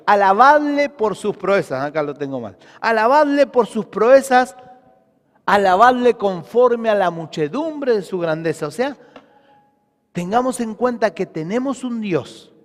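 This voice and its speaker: A man's voice: sits high, big-room sound. A man preaching a sermon as pastor, with a Rioplatense Spanish accent, emphatic and full of rhetorical questions.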